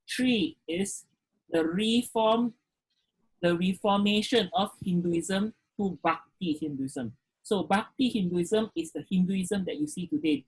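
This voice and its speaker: A man's voice: high-pitched, slightly rough, low-quality recording. A man teaching a class over a video call, filling his speech with "okay" and putting questions to his students. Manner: frequent "okay" fillers, questions students directly. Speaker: lecturer. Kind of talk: online class lecture.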